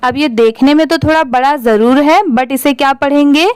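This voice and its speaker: A woman's voice: high voice, moderate pace, no echo. A young woman teaching English reading, spelling out words letter by letter and blending them, asking questions and answering them herself. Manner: asks and answers her own questions. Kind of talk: spelling-out phonics lesson.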